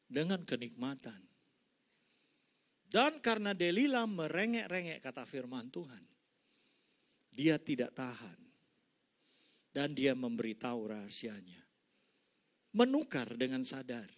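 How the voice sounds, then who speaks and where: A man's voice: very animated, a little slow, pauses often. A male pastor preaching a sermon, telling a story and acting out both sides of the conversation. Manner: storytelling, acting out both sides of a dialogue with big pitch swings. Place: church service in a mall hall.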